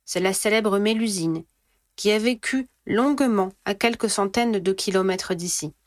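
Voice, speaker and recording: A woman's voice: mid-range voice, moderate pace, dry recording, clean studio sound, natural voice. A woman doing a stately, chanting headmistress. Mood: solemn. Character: grand headmistress making a formal announcement.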